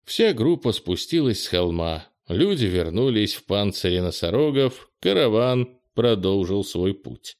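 A man reads a fantasy audiobook aloud. His delivery is even and steady, in a somewhat low voice. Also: unhurried, hardly any pauses, dry recording, clean studio sound. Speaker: audiobook narrator. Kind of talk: audiobook narration.

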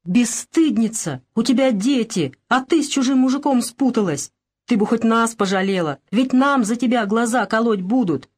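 A woman voicing an older peasant mother who scolds her daughter in shrill, tearful reproaches, in an audiobook. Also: expressive, fairly quick, darkish tone. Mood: scolding. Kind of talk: audiobook character voice.

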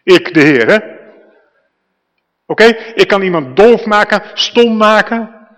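A man's voice: high voice, expressive, takes it slowly, a bit bright, voice pushed up, heavily acted. A man voicing God as a patient figure who talks in casual, everyday words. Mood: plain, insistent. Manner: casual everyday speech, like a friend. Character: patient, frank God speaking plainly. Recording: reverberant church hall.

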